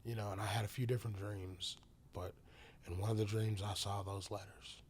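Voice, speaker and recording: A man telling his personal story as a podcast guest, halting and full of restarts, sometimes dropping to a whisper. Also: lowish voice, flat delivery, a little hiss or hum. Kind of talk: emotional personal testimony.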